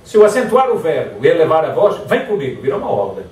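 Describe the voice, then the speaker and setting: A man with a fairly high pitch and a quick pace delivers a spirited motivational lecture. He performs sample phrases in different tones, and the sound is distant and reverberant, from a hall.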